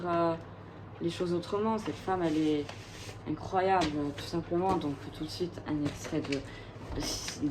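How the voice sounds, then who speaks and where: A woman's voice: deep voice, a little hiss or hum, low-quality recording. A woman vlogger chatting casually and gushing about her records, with many hesitations. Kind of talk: casual chat.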